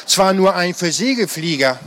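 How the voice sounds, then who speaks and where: A man reads an adventure novel aloud to an audience, telling it dramatically and acting out the characters. His voice sits high, is expressive and a bit bright, and he speaks at normal speed.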